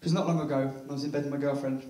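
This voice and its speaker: An English stand-up comedian delivers a bawdy set with punchy timing and a quick "right?" after each beat. His voice sits high for a man. The sound carries the echo of a theatre, with the mic picking him up from a little distance. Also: little pitch movement, dark tone. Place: theatre stage before a laughing audience.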